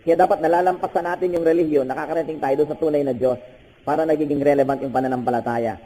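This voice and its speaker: An older man with a Filipino accent, preaching a sermon with animated bursts and switching between Tagalog and English. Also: fast talker, slight background noise. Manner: animated preaching with sudden high-pitched bursts. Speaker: pastor. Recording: hall with long reverb.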